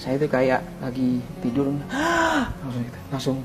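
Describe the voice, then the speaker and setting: A man's voice: mid-range voice, level tone, fast, over music. A man, an Islamic preacher, giving an emotional testimony in an interview, tearful and prayerful, often calling the host by name. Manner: fervent storyteller who keeps calling the host by name; tearful, prayerful cries to God. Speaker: ustadz, interview guest.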